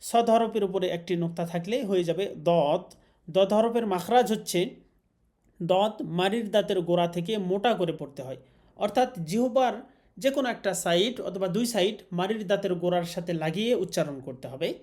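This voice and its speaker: Brief: male Quran-reading teacher, Bangladeshi Bengali accent, high, soft tone, slow drawn-out letter drills. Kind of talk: online class lesson.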